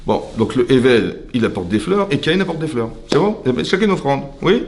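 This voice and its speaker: A man, a rabbi, giving a lively religious lesson. He asks rhetorical questions and keeps checking that his listeners follow him. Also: mid-range voice, brisk. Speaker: rabbi teaching a class. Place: lecture hall.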